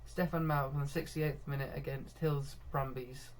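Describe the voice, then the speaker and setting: A young man commentating live on his own football management game, getting excitable when goals come and laughing at himself. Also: mid-range voice, moderate pace, slight background noise. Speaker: gaming video host.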